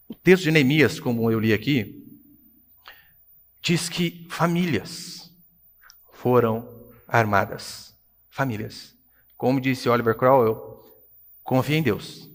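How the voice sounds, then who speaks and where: A man with a Brazilian Portuguese accent, a pastor preaching a sermon with animated swings between hushed and loud delivery. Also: mid-range voice, long reverb tail. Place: church hall.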